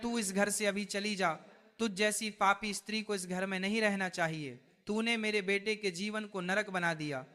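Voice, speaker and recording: A man's voice: sits high, fairly even intonation, moderate pace, bright, forceful tone. A man voicing a stern, scolding mother-in-law in a devotional story, speaking harshly. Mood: angry scolding.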